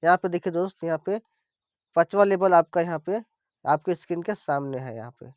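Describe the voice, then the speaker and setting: A man with a high, smooth, clear voice talks through an app on screen, one step at a time, repeating himself as he points to each part. The sound is dry and somewhat dull, like a basic lo-fi voice-over. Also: a little fast, no room sound. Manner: explains step by step, repeats "here" constantly. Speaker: crypto tutorial presenter. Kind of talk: screen-recorded app walkthrough.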